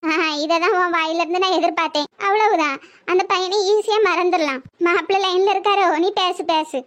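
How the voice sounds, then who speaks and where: A woman's voice: very high voice, brisk, fairly bright tone. A woman voicing a meddling old grandmother who scolds and coaxes, with a Tirunelveli Tamil accent, in a cartoon comedy. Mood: coaxing. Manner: scolding, knowing.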